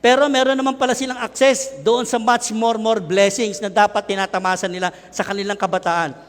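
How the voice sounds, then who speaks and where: A middle-aged Filipino man preaching a lively sermon, joking and shouting with his congregation. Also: high-pitched, brisk. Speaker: pastor. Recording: long hall reverb.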